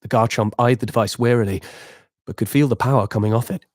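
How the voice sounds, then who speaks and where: A man narrating a game epilogue as game master, with measured, dramatic storytelling. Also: mid-range voice, dry recording, clean studio sound.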